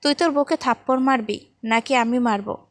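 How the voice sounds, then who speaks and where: A cheeky young man from a storybook needles his friend in mocking, teasing banter, as a woman reader puts him on. The voice sits fairly high and sounds playful rather than truly angry. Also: moderate pace, a little hiss or hum, close to an everyday voice.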